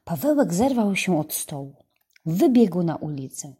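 A woman narrating a children's story in a measured, expressive way. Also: fairly low pitch, slightly rough.

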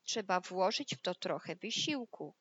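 A woman's voice: lowish voice, normal speed, breathy edge, lo-fi sound. A woman voicing a wise, hardworking male pig in a storybook, speaking steadily and firmly. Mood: stern. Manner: steady, admonishing. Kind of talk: storybook reading.

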